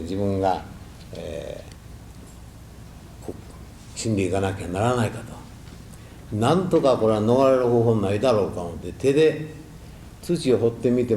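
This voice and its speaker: An older man giving a reflective, halting temple talk drawn from his own memories, with folksy asides. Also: on the low side, mellow. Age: 60s or older. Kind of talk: sermon with personal war recollections. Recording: echoey room, faint background noise.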